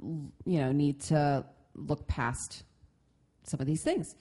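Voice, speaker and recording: A young woman co-hosting a casual podcast, relaxed and slangy, her throat a little hoarse. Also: low-pitched, slow. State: slightly hoarse, coughing. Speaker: podcast co-host. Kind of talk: casual chat.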